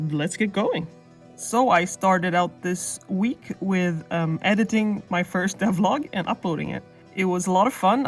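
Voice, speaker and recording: A woman narrating a devlog in an informal, self-deprecating way, recorded close under a blanket on an older camera's mic. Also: lowish voice. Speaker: animation student vlogger. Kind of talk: casual devlog voice-over narration. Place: under a blanket indoors, processed in editing. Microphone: older camera used as mic. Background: music.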